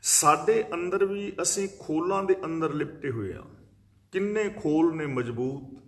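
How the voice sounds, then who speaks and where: A man's voice: a little high, a little slow. A man giving a religious discourse, explaining scripture verse by verse and reciting long lists of words. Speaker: preacher giving scripture commentary.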